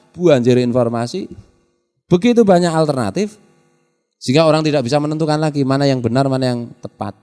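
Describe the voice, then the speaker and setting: A man's voice: medium pitch, darkish tone. A middle-aged man with a Javanese accent, a kyai giving a folksy religious lecture in a pesantren, mixing in Javanese and asking the audience questions. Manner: folksy, mixes Javanese into Indonesian, asks the audience rhetorical questions. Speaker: kyai teaching a pesantren study circle. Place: prayer hall of a traditional boarding school. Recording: reverberant hall.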